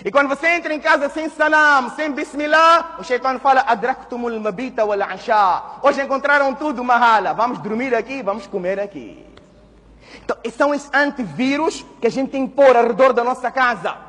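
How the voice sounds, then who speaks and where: A male preacher delivers a Friday sermon in a mosque hall with a long, ringing reverb. His voice sits very high and bright. He moves between loud, urgent exhortation and hushed storytelling, with passages of recited Arabic. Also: a little fast.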